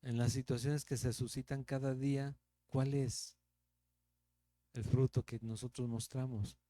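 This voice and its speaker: Mexican pastor guy preaching slow and chatty, warm low-key voice, asks the room questions. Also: flat delivery, no room sound. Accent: Mexican Spanish. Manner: conversational preaching with rhetorical questions and light laughs. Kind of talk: verse-by-verse Bible teaching.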